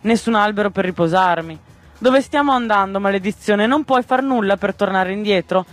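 Man doing a gruff grey bird, harsh, scolding, lecturing, storybook, fairly high voice. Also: normal speed, no room sound, faint music behind, lightly acted. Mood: grumbling. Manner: huffy, lecturing. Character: gruff grey male bird, grumpy and doubtful. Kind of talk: storybook reading.

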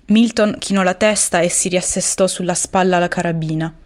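A woman narrating a literary novel as an audiobook, in a measured, even way. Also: on the low side.

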